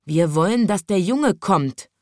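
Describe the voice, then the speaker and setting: A woman's voice: mid-range voice, very animated, moderate pace, dry recording, clean studio sound, voice pushed up, close to an everyday voice. A woman voicing a stern old male baboon in a storybook reading, speaking with indignant force.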